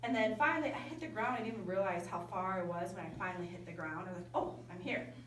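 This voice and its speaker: A woman camp speaker telling a story in a lively sermon to young people. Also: mid-range voice, rapid-fire, slight background noise. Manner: lively, animated storytelling with quoted dialogue. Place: large indoor hall at a winter camp. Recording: echoey hall from far off.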